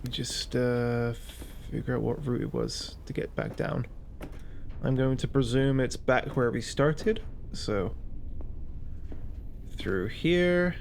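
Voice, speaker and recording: A man's voice: mid-range voice, slow pace, vocal fry, long pauses, a little mellow, a little hiss or hum. Man thinking aloud through a game. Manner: self-narrating, thinking aloud. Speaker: gaming video host. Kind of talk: casual gameplay commentary.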